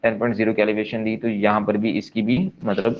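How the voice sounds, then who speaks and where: A programming instructor leads a step-by-step screen-share coding lesson, frequently checking in with "theek hai?". His voice is lowish and level in tone, a little fast, and the sound is lo-fi.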